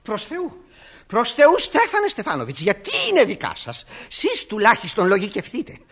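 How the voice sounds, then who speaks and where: A woman playing a nervous, touchy young male landowner who stammers, frets about his heart, and bursts into shouting. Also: mid-range voice, huge pitch swings. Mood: exasperated. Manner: stammering, flustered, quick to shout. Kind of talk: stage play acting.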